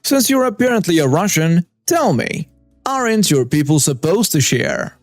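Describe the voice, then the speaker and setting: A man's voice: fairly high pitch, very animated, normal speed, no echo, studio quality, faint music behind. A man voicing a rude, hostile, entitled middle-aged mother who speaks with scorn. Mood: scornful. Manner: scornful, insulting.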